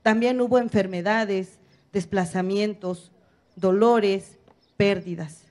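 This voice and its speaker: A woman's voice: medium pitch, fairly even intonation, slow pace, darkish tone. A middle-aged woman, reading a solemn speech at a podium, building her points in rhythmic lists of short phrases. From Mexico. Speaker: activist speaker at a public apology event. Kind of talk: formal speech read from notes. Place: large bright hall, at a podium. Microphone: podium microphone on a stand, filmed from afar.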